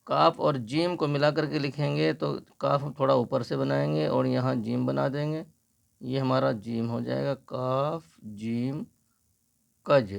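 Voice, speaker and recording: A man teaching a slow, patient Urdu writing lesson, explaining each stroke as he writes. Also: medium pitch, fairly even intonation, gravelly.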